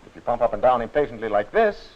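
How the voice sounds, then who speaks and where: A man narrating a 1940s instructional film in a friendly, instructive and measured way. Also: mid-range voice, very animated, background noise. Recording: dull old film soundtrack.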